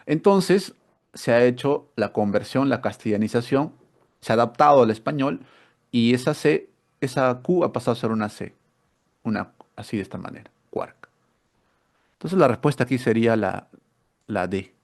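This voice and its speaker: Male teacher, explanatory, mid-pitched voice, rhetorical questions. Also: lively intonation, normal speed. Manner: explanatory, asks rhetorical questions, repeats words. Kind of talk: online spelling workshop lesson.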